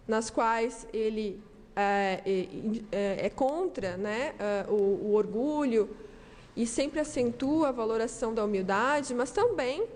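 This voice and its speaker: A woman delivers a measured, earnest doctrinal talk. Her voice sits high and she takes her time. Long reverb from the hall trails her words. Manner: earnest, measured, reads quoted passages. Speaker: lecturer at a spiritist centre. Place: spiritist centre hall.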